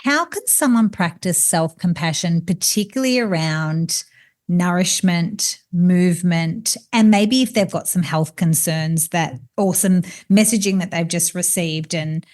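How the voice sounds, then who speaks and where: A woman's voice: lowish voice, measured pace, a little mellow. A woman hosting a podcast, asking long, meandering questions in a casual chat. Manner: asks long, rambling questions. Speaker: podcast host.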